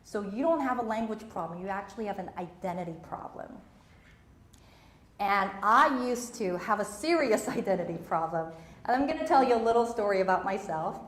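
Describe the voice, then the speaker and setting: A young woman from Korea, raised in Malaysia and Singapore, gives an emphatic motivational talk on stage, repeating her key phrases. Her mid-range voice is brisk with lively intonation, in an echoey room.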